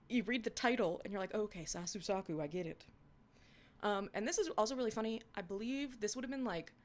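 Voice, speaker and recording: Reading her own past fan fiction on a podcast, the young woman keeps her voice soft and hushed before chatting and laughing at herself about it. Her voice sits in the mid range.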